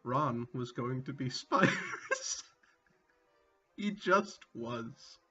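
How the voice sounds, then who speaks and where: A man's voice: medium pitch, huge pitch swings, very slow, sharp tone, slightly rough. A man giving a comedic, mock-dramatic reading with casual sweary asides, amused and prone to breaking into laughter. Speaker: reader. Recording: dull lo-fi sound, music behind. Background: music.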